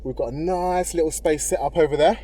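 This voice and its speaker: A man's voice: a little high, fairly quick, mellow. A man working as a driving instructor, giving casual, encouraging step-by-step instructions and often checking that the learner follows. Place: inside a car in a car park. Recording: vehicle noise in background.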